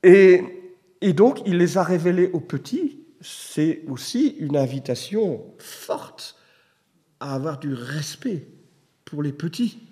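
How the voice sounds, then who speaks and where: A man's voice: on the high side, big pitch swings, takes it slowly, warm tone, breathy edge. A middle-aged man preaching a sermon in a conversational way, telling personal stories and rising to emphatic bursts. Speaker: pastor.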